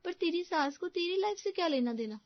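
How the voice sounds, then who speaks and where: A woman voicing a cheerful young woman friend who talks brightly and chattily. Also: very high voice, lively intonation, a little fast, dry recording, voice pushed up. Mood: chatty. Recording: slightly dull, dry close recording.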